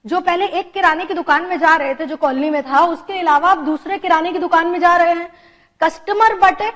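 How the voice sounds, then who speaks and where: High-voiced woman lecturing with hall echo. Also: a little fast, a bit bright. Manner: mixes Hindi and English, rhetorical questions to students. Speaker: teacher.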